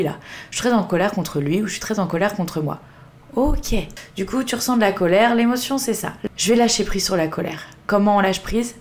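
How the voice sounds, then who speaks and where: A woman with a slightly low voice talks softly to her viewers in a calm instructional vlog. She coaches them in a measured, even way, recorded indoors on a camera mic.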